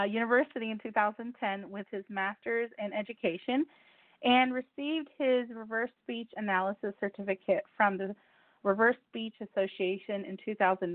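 A slightly high-pitched woman's voice comes through a dry, tinny phone line. Her first language is Spanish, and she runs a laid-back call-in radio show in a talkative style, often repeating herself and fumbling words.

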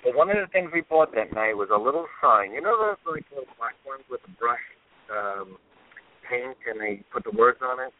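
A man chatting on a casual talk radio show, his voice narrow and phone-like. He tells stories in an easygoing way, full of "um" and "you know," with a voice of middling pitch. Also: expressive, moderate pace. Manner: chatty, storytelling, many fillers. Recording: phone-like call-in audio.

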